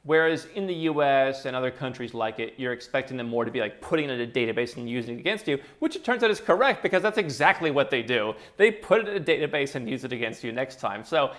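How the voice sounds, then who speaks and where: A man hosting his channel, giving brisk, opinionated advice straight to camera with a touch of sarcasm. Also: mid-range voice, expressive, a bit bright. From United States. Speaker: channel host. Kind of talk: talking-head advice commentary.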